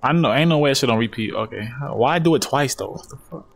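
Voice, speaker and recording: Speaking quickly with a medium-pitched, animated voice and some vocal fry, a young gamer and video host jokes around with friends during play. His reactions are slangy and full of swearing, and the mood is casual and playful.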